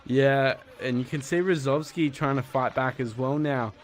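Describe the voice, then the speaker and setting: A man giving live play-by-play sports commentary, building to excited calls at the finish. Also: medium pitch, moderate pace.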